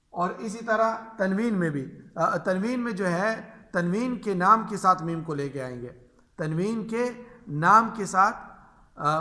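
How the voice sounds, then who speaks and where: A man gives a lesson on Quran reading rules in a patient, repetitive teaching manner. His voice is bright and forward, pitched a little high for a man. He slows right down and drawls the examples letter by letter. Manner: patient, repeats each rule and drawls examples slowly. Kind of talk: explaining tajweed rules to teachers.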